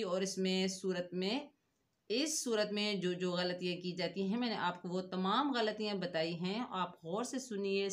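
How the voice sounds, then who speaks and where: A woman teaching Quran recitation rules in a tajweed lesson, drawing out the words she recites and asking the listener questions as she explains. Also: medium pitch. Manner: slow, drawn-out recitation contrasted with explanation.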